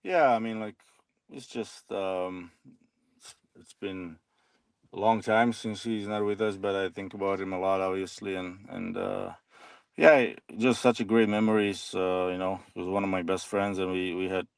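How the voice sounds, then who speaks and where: A man, a former hockey player reminiscing in a halting, soft-spoken way as an interview guest. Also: low-pitched, steady tone, creaky, clear, resonant tone, no room sound. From Slovakia.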